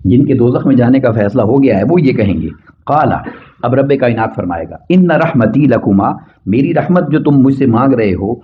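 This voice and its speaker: A middle-aged man delivering a Friday sermon as a preacher, chanting Arabic quotations slowly and then explaining them with rising emphasis on key points. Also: medium pitch, expressive. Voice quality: recites Arabic hadith in slow measured chant, then explains in Urdu. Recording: dull lo-fi sermon recording.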